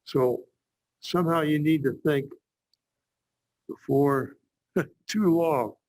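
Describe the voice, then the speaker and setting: A man's voice: a little high, slow pace, a little mellow, no room sound. Plainspoken rambling board chair man. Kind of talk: meeting discussion.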